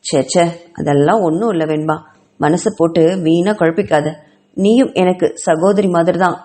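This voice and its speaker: A woman's voice: medium pitch, animated, moderate pace, dark tone, lightly acted. A woman voicing a caring young female college student who speaks to her friend in fond, teasing hostel-room talk.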